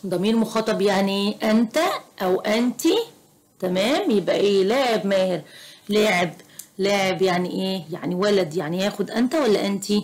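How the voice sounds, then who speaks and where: A woman with an Egyptian Arabic accent tutoring young children in Arabic grammar, slow, patient and encouraging. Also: mid-range voice, a little mellow. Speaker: private tutor. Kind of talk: teaching a children's Arabic lesson.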